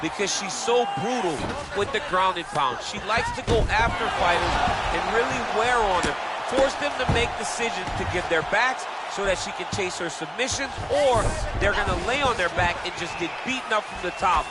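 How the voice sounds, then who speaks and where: High-pitched, emphatic fight analyst. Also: male voice, expressive, normal speed. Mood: emphatic, analytical. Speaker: colour commentator on cage fights in a video game. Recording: loud arena noise behind voice.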